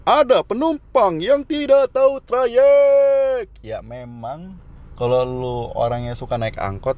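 A man's voice: lowish voice, darkish tone, a little hiss or hum. A young man giving a slangy, joking casual monologue as a vlogger, often laughing at his own jokes, on a dull, slightly muffled recording.

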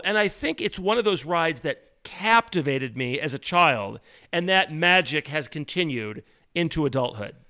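A man's voice: high voice, pushed and bright. A man co-hosting a casual chat, enthusiastic and fond of corny jokes. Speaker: podcast co-host.

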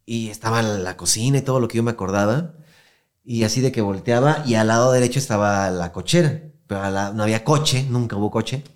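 A young man with a Mexican accent tells a long story on his podcast, his voice sitting a little low. He talks in loose, slangy chat. He acts out the lines of the people he quotes. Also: brisk. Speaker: podcast host.

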